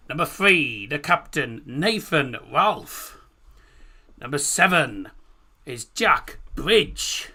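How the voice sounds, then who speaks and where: A man's voice: fairly high pitch, pushed and bright. A man hosting a football watchalong, announcing in an informal way, with a speech impediment that makes his r sound like w. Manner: informal, deliberate on names, swears mildly. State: has a cold. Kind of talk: live stream announcing, reading out team lineups.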